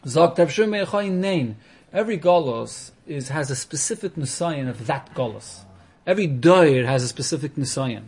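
A man's voice: on the high side, animated, normal speed, a little mellow, breathy edge. A man explaining religious texts in an informal lesson, posing questions and answering them as he goes. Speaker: teacher of a Talmud class.

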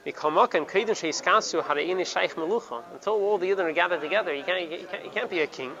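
A man's voice: high-pitched, fast talker, bright, forceful tone. A man teaching a Torah lesson, stopping and repeating words and mixing Hebrew terms into his English. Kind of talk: Talmudic study lesson. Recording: dull lo-fi recording with crowd behind. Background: crowd noise.

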